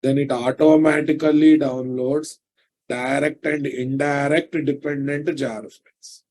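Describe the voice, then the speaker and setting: A man's voice: medium pitch, little pitch movement, a little slow, darkish tone. A middle-aged man with a Telugu Indian accent lecturing in a live online programming class, dictating notes and repeating phrases as he goes. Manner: repeats phrases while dictating, quizzes listeners. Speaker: programming instructor. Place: indoors, online class from a computer.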